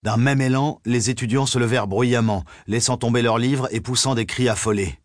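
A man narrating a thriller audiobook in a measured, suspenseful reading. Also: mid-range voice, steady tone, dry recording, studio quality.

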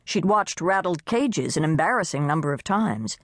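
Brief: audiobook woman narrator, wry and animated, dead-dry close mic. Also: low voice, normal speed, no room sound. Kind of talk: scripted narration.

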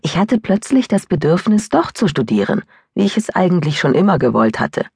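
A woman's voice: on the low side, very animated, a little fast, vocal fry, darkish tone, husky, dry recording, clean studio sound, voice pushed up, heavily acted. A woman narrator voicing a troubled young woman in an audiobook, telling her past in a rueful, sighing way. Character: troubled young woman recalling a broken engagement. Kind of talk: audiobook character voice.

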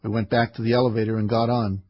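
A man's voice: lowish voice, flat delivery, quick pace, breathy edge. A man narrating a first-person story in an earnest storytelling manner, on a slightly muffled audiobook recording.

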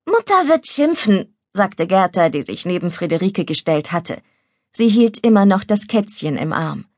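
A woman reading a novel as audiobook narrator in a calm, measured way. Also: on the low side, no echo. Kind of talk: scripted narration. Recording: dry studio recording.

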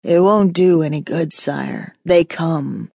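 A growling male demon lackey, put on by a woman reading an audiobook, pitched low and dragged out into a breathy, hushed menace. He stays servile even as he threatens. The sound is dry and close, with no room around it. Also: takes it slowly, no echo, full character voice. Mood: menacing. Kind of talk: audiobook character voice.

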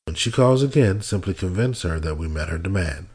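A man's voice: sits low, brisk, slightly rough, full character voice. A man voicing a composed, condescending female federal agent. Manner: calm, condescending.

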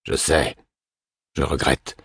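Burick, a man voicing a hoarse, grieving older man. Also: fairly even intonation, fairly bright tone, dry recording, clean studio sound, heavily acted. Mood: weary, grieving. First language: French. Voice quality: hoarse, heavy-hearted. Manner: slow, low, murmured. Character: weary grieving older man, gruff stable master.

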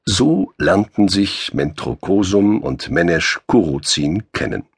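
A man reads a sci-fi audiobook in a low, gravelly, slightly husky voice. His delivery is measured and storytelling, with lively pitch movement. The recording is dry and close, with no room sound. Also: no room sound. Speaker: audiobook narrator. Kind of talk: scripted audiobook narration.

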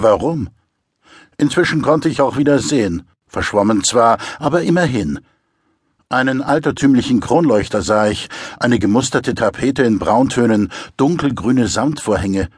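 Husky male audiobook narrator, dry sound. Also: medium pitch, animated, dry recording. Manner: measured, dryly wry storytelling. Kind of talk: scripted first-person audiobook narration.

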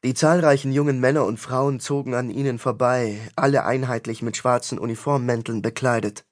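Telling a fantasy story for an audiobook, a man's mid-range voice keeps a fairly even intonation. His delivery is measured and dramatic.

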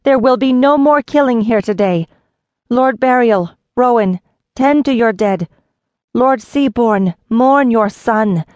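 A woman's voice: fairly high pitch, moderate pace, hardly any pauses, no room sound, lo-fi sound, voice pushed up, close to an everyday voice. A woman narrator voicing a commanding, compassionate young Fey queen, her speech urgent and raised.

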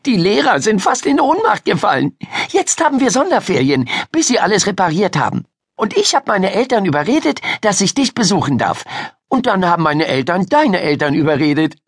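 A man voicing a chatty, excited schoolgirl who babbles without pause, in a storybook reading. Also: sits high, breathy edge, no echo, studio quality, voice pushed up, full character voice. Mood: excited chatter. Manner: babbling nonstop, gushing.

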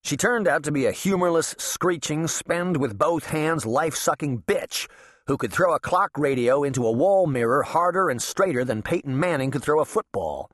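A man's voice: on the high side, expressive, moderate pace, a bit bright, dry recording, clean studio sound. A man narrating an audiobook in a wry, sardonic first-person voice. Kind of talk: scripted narration.

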